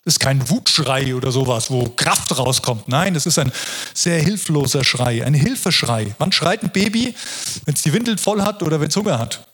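A man's voice: fairly high pitch, moderate pace, fairly bright tone, slightly rough. A man preaching a sermon in an earnest, reflective way, often restarting his sentences.

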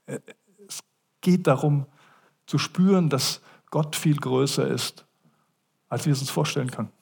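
A man's voice: mid-range voice, a little slow, vocal fry, darkish tone, breathy edge. A man preaching a sermon as a pastor, speaking earnestly and addressing listeners directly.

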